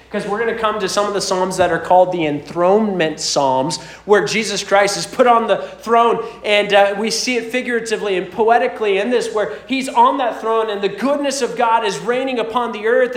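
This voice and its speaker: A young man preaching to his congregation and reading scripture aloud, animated, with loud exclamations and hushed asides. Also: sits high, reverberant. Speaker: pastor.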